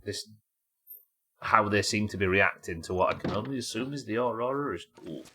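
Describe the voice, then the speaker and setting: A man giving casual live commentary as he streams a video game, thinking out loud. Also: lowish voice, lively intonation, normal speed. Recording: faint background noise.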